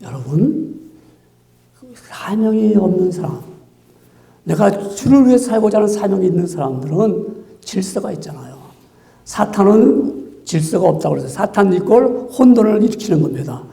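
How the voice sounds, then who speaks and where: Gravelly, animated preaching pastor. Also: male voice, high voice, normal speed, echoey room. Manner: animated, acts out quoted dialogue. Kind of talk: sermon.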